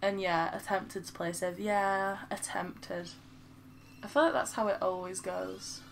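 A woman's voice: mid-range voice, steady tone, measured pace, gravelly, a little hiss or hum. A woman with a Lancashire accent chatting casually on a game stream, self-mocking and reading viewers' comments aloud. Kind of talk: casual live-stream chat.

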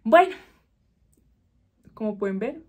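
A young woman recounts a painful episode to her viewers in an animated, dramatic way. Her voice sits a little high, and she piles up exaggerations as she talks. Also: takes it slowly. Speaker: beauty vlogger. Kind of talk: casual storytelling to viewers.

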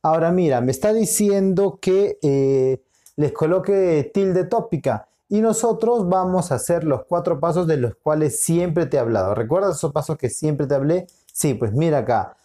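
A man teaching a recorded lesson with a warm, mellow voice. He explains patiently, drawing words out, repeating each point and checking in with short questions. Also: a little high, lively intonation, moderate pace. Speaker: school teacher.

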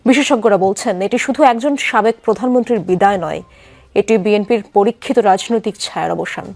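A woman news anchor reading headlines and reports in a measured, formal way. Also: mid-range voice, darkish tone, no echo.

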